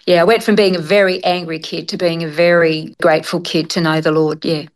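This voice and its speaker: A woman's voice: lowish voice, little pitch movement, a little fast. A woman with an Australian accent, a guest telling her story in a frank, chatty way and laughing easily. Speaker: interview guest. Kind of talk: conversational storytelling.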